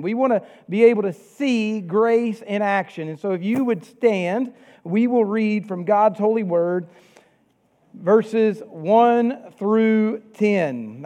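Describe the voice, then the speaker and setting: This is a sermon from a Southern US man who reads scripture and prays in a steady, sincere way, his voice high and mellow.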